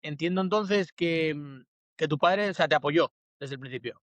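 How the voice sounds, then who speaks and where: A Spanish man hosts a podcast interview, his voice pitched a little high. He asks questions with some hesitant fillers. The recording is dry and close. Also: normal speed, no echo. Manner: formal scripted intro, then hesitant questions. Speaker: podcast host.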